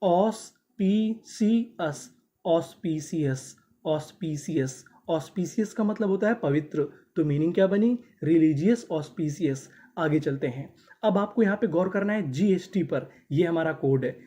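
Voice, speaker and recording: A man teaching a class, spelling words out slowly syllable by syllable and repeating them, asking questions and answering them himself. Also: a little high, animated, dark tone, husky. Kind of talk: classroom-style language lesson.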